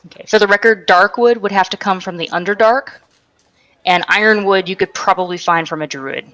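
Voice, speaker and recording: Halting woman running a tabletop game. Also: mid-range voice, fairly bright tone, low-quality recording. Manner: halting, full of fillers and restarts. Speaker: game master. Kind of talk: narrating a tabletop game over voice chat.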